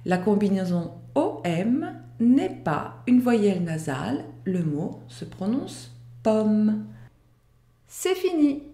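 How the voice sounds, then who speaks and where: A woman teaching a pronunciation lesson, walking through each rule step by step with careful, deliberate enunciation. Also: mid-range voice, sing-song, gravelly, dark tone, echoey room. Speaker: French teacher. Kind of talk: slow, methodical pronunciation lesson.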